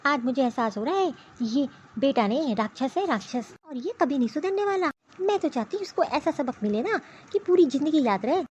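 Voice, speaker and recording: A woman's voice: high-pitched, expressive, fairly quick, hardly any pauses, darkish tone, a little hiss or hum. A woman doing a scolding cartoon mother-in-law. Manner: scolding, exasperated. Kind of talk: animated cartoon voice acting. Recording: slightly muffled lo-fi recording.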